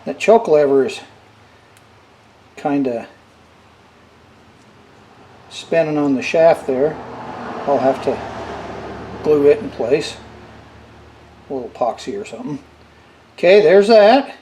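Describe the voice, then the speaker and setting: Middle-aged male shop tinkerer, slightly high voice, halting casual demo at the bench, rain on a tin roof behind him. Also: expressive, mellow, slight background noise, low-quality recording. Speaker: repair demonstrator. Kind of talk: hands-on tutorial, casual talk while working. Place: workshop with metal roof, indoors. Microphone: camera over the workbench. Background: rain drumming on tin roof.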